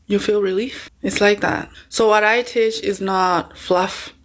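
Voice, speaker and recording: A woman's voice: medium pitch, fairly even intonation, unhurried. Female spiritual coach, mid-range voice, conversational and emphatic, informal online teaching.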